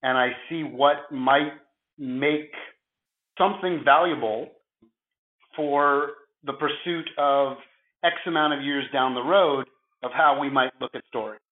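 A man with a gravelly voice, hoarse from flu, explaining things conversationally as an interview guest in measured phrases. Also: mid-range voice, echoey room, narrow, tinny audio. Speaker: interview guest, futurist at a film studio.

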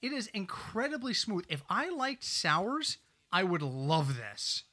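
Male podcast co-host, bright and slightly high, rambling and joking in casual studio chat. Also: very animated, takes it slowly. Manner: chatty, joking, rambling storyteller. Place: small home studio. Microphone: desk mic, sometimes off mic.

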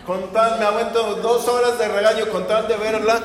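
A man's voice: sits high, level tone, normal speed, roomy sound, long reverb tail, a crowd in the background. A man preaching a sermon as pastor, talking conversationally with rhetorical questions.

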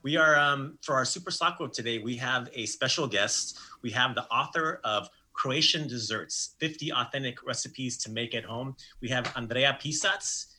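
A man hosting a casual show, excited and halting with many fillers. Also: mid-range voice, slight background noise. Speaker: host.

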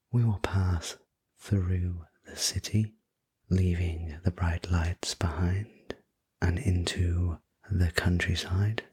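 A man playing a courteous night train conductor in a whispered role-play, narrating a sleep story in a soothing, polite, breathy whisper. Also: low voice, a little mellow, exaggerated voice. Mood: soothing, welcoming.

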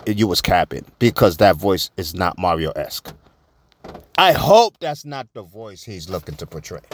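A man giving casual opinion commentary, slangy, animated and repeating himself. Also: medium pitch. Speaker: vlogger.

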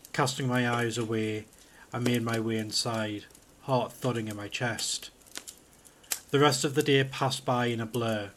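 A man, a podcast host, reading a first-person horror story aloud in a steady, even voice. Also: mid-range voice, a little hiss or hum. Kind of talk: scripted horror narration.

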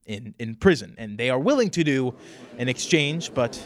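A man's voice: medium pitch, lively intonation, moderate pace, slight background noise, natural voice. A man voicing a pompous diplomat who announces grave news in a grand, ceremonious way.

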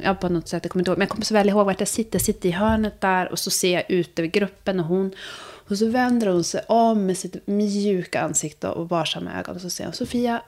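A young adult woman speaking softly and reflectively as a podcast guest, sometimes dropping to a hush. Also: on the low side. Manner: soft, searching, drifts into hushed whispers. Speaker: guest, vocal coach and therapist. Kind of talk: reflective conversation.

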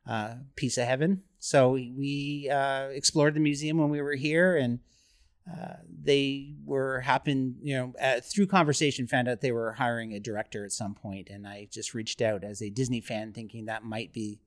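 A man's voice: medium pitch, steady tone, normal speed, no room sound, studio quality. An easygoing middle-aged man from Canada giving a casual interview through a face mask. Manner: affable, easygoing. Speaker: museum creative director, interview guest. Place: in a museum.

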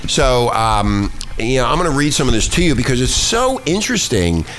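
A man with a deep voice hosting a radio show in loose, unscripted talk, swearing freely. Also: big pitch swings, moderate pace, fairly bright tone. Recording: music bed behind the talk.

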